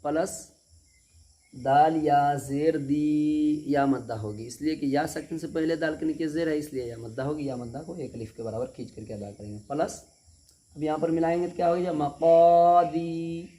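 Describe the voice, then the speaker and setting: A man's voice: a little high, mellow. A man teaching a Quran reading lesson step by step, repeating each point and often checking that the students understood. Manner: patient, repetitive, keeps asking if students understood; stretches out syllables slowly when demonstrating.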